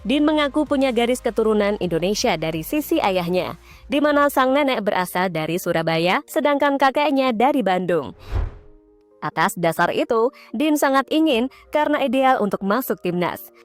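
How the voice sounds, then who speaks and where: Female football news narrator, slightly high pitch, scripted read with casual asides, faint music underneath. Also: lively intonation, moderate pace. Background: faint background music.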